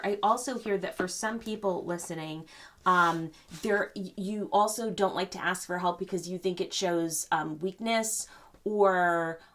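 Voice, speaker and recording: An older woman giving a gentle, rambling spiritual card reading, full of fillers and reassurance. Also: medium pitch. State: choked up. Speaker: psychic reader.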